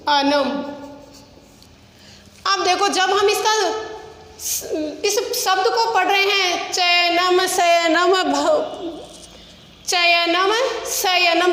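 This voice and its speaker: A woman teaching an online grammar class, slowly spelling out examples and repeating each one step by step. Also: extremely high pitch, bright, forceful tone. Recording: echoey room with long reverb.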